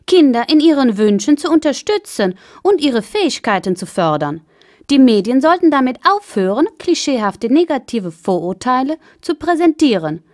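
A woman's voice: high-pitched, dry recording, studio quality. A woman playing an earnest, opinionated guest in a radio discussion. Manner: earnest, articulate.

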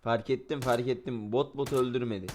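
A man's voice: medium pitch, fairly even intonation, fairly quick, slight background noise. A man commentating his mobile gameplay, often ranting angrily with swearing. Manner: angry swearing rants. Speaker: mobile game streamer.

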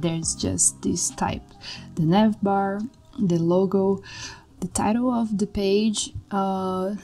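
A coding tutor from Brazil, young and a native Portuguese speaker with a Brazilian Portuguese accent, explains her code in a screen-share walkthrough from an indoor room. Her gravelly voice sits on the low side, and she speaks in a relaxed, halting manner full of fillers.

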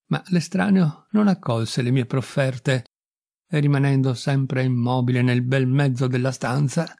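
A man calmly narrating a literary story as an audiobook reader, in a measured, mildly ironic manner. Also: medium pitch, vocal fry, no echo, studio quality.

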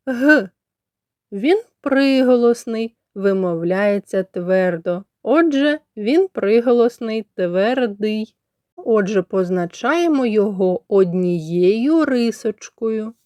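Woman, kindergarten teacher, very slow deliberate delivery, repeats sounds, dry close recording. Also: mid-range voice, dark tone, no echo. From Ukraine. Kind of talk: slow, clearly articulated lesson for young children.

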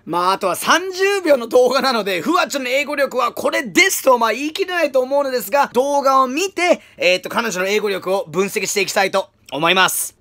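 A man whose first language is English gives playful, energetic commentary as he analyzes English. His bright voice swings widely in pitch. He often slows down to read example lines. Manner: energetic, playful, breaks into demonstration readings.

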